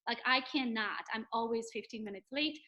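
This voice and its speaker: A woman's voice: on the high side, brisk, muffled recording. A woman in her thirties from Romania, a realtor guest chatting casually and laughing often. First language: Hungarian. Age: 30s. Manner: lively, laughs often, speaks freely. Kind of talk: casual interview chat.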